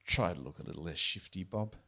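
A man's voice: deep voice, fast, bright, forceful tone, husky, voice pushed down, full character voice. A man voicing a snide, condescending middle-aged police sergeant. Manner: sneering, condescending.

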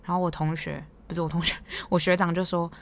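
Fast-talking young Taiwanese woman. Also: on the low side, flat delivery, a little hiss or hum. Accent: Taiwanese Mandarin. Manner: chatty, teasing, quick to laugh. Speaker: podcast host. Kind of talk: casual storytelling monologue.

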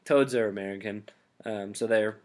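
A young man hosting a podcast, riffing absurd jokes in a deadpan way and laughing often. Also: fairly low pitch, normal speed. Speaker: podcast host. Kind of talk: joking casual chat.

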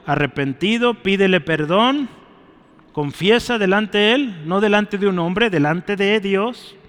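A man's voice: high-pitched, fairly bright tone, long reverb tail. A man preaching a sermon and closing in prayer, urging his listeners and often checking in with a short "right?" and "brother". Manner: exhorting, often adds "¿sí?" and "hermano" to his phrases.

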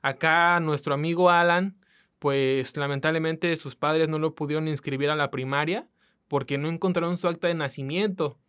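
A woman's voice: low voice, fairly even intonation, moderate pace, a bit bright, smooth. A woman from Mexico with a coastal accent, co-hosting a casual podcast in a colloquial, chatty way that speaks straight to listeners. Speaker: podcast co-host.

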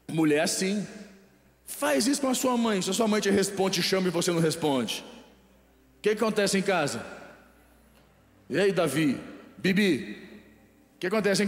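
High-voiced Brazilian man preaching in a hall. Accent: Brazilian Portuguese. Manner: quizzes the congregation, letting them finish his sentences. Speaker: pastor. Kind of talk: live sermon. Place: large church hall. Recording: echoey church hall with long reverb.

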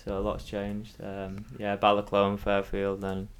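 Unhurried and completely flat in delivery, this low-voiced former athlete in his thirties speaks as a podcast guest. The tone is clean, and his mild, fairly neutral Isle of Man accent comes through as he casually, hesitantly thinks aloud.

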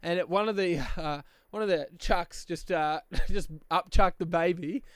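High-voiced Australian man with a smooth tone. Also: measured pace, fairly bright tone, no room sound, studio quality. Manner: laughs often while telling stories. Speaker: co-host. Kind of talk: casual comedic banter.

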